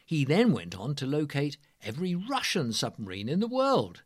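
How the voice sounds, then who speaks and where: A man reading scripted narration as a presenter, in a measured, emphatic way. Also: a little high, sing-song, breathy edge, no echo, studio quality.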